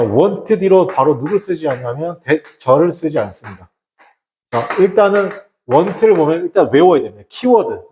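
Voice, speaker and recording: A man's voice: fairly high pitch, reverberant, a little hiss or hum. A man teaching English grammar in a recorded lecture, firing rhetorical questions and answering them himself, switching between casual and polite speech. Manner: acts out shouted warnings to make a point.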